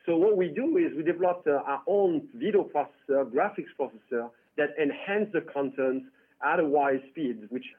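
On a tinny line that sounds like a phone, a man from France with a French accent speaks as a guest in a casual interview about founding his tech company. His high-leaning voice is husky and expressive at a moderate pace, sprinkled with frequent "you know"s.

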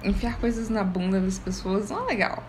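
Fast-talking young Brazilian woman. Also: mid-range voice, lively intonation, darkish tone, a little hiss or hum. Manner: quick, wry commentary. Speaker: co-host. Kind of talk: casual chat.

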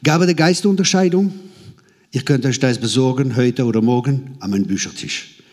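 A man preaching a sermon in a middle-pitched voice. He is animated and tells stories, and he slips into different voices when he quotes people. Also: normal speed.

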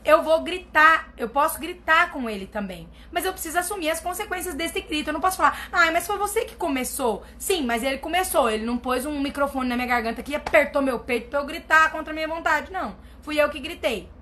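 Woman therapist, blunt and emphatic, bright voice with faint room noise. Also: sits high, lively intonation, quick pace, hardly any pauses. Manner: blunt, emphatic, repeats herself for stress. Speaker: family constellation therapist answering viewer questions. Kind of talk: casual live advice reading comments.

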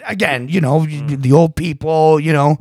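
A middle-aged man with a gravelly voice, chatting casually in a blunt, sweary, ranting way. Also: on the high side, moderate pace. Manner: profane, animated, blunt ranting. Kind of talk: casual chat.

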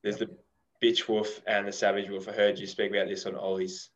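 A man's voice: on the low side, flat delivery, fairly quick. A man on a podcast, casually talking through a long rambling analogy. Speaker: podcast guest. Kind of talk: casual chat. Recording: dull, muffled audio.

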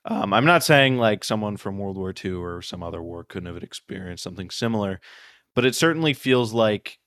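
A man's voice: on the low side, expressive, fairly quick, fairly bright tone, no echo, clean studio sound. A man co-hosting a podcast, casually retelling a short story with lots of fillers and restarts. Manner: rambling retelling with many fillers. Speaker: podcast co-host. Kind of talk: casual book discussion.

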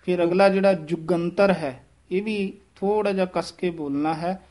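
A man teaching the correct pronunciation of recited verse, repeating each phrase slowly and carefully. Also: sits high, steady tone, a little mellow. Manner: slow, careful, repeats each line syllable by syllable.

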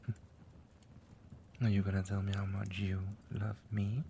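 A man voicing an affectionate, doting male dragon lover in an ASMR roleplay, talking softly and often in a tender whisper. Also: fairly low pitch, little pitch movement, slow pace, gravelly, a little hiss or hum.

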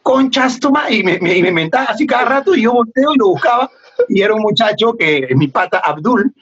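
A former footballer from Peru, guesting in a casual storytelling interview, speaks with a husky, fairly high voice and a Peruvian Spanish accent. He's fast and animated, laughing often and acting out dialogue he remembers. The podcast audio is dull and lo-fi.

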